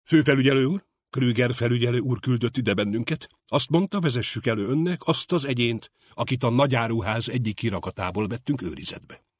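A man voicing a dutiful police sergeant delivering a loud, formal report in an audiobook reading. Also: mid-range voice, few pauses, no room sound, voice pushed up, lightly acted.

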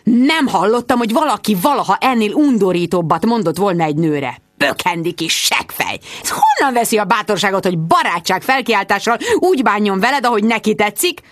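A woman reading an audiobook voices an indignant young woman friend who rants loudly about men. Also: mid-range voice, expressive, hardly any pauses, close to an everyday voice. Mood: outraged. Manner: loud, outraged tirade.

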